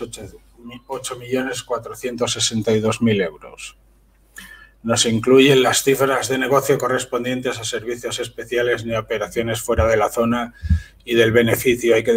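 Man, breathy, mid-pitched, reads lists of figures, short asides. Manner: list-like reading with brief asides. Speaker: channel host. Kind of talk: reading handwritten documents aloud. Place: voice-over on a screen recording.

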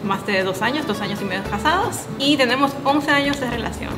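A woman's voice: a little high, animated, fairly quick, in a large hall, music in the background. Woman in her thirties, from the Dominican Republic. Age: 30s. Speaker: interview guest. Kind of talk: casual interview. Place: studio with dark curtain backdrop.

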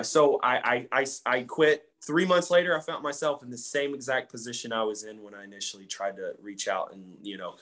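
A man's voice: on the low side, a bit bright. A man in his twenties, a guest, telling his story in a casual interview with a laid-back, slangy manner. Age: 20s.

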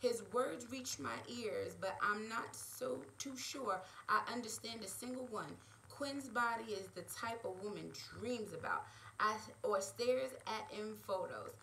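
A woman author reads from her own romance novel in a steady, expressive way. She reads slowly, and her voice is bright. Faint noise sits under the recording. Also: fairly high pitch, creaky, poor audio. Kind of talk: reading her novel aloud.

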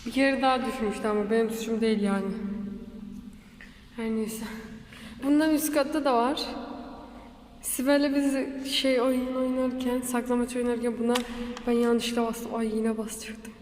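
A woman's voice: on the high side, little pitch movement, normal speed, pauses often, darkish tone. A woman vlogging her school day, chatting and rambling, her voice echoing around an empty classroom. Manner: chatty, rambling, giggly storytelling. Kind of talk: casual chatty vlog. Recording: roomy echo with long reverb, faint room noise.

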